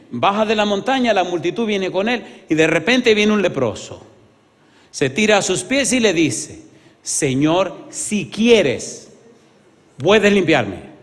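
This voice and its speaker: A high-voiced man preaches an evangelistic sermon, swinging from loud exclamations to hushed pleading while firing rhetorical questions at the congregation. The sound is reverberant, like a hall.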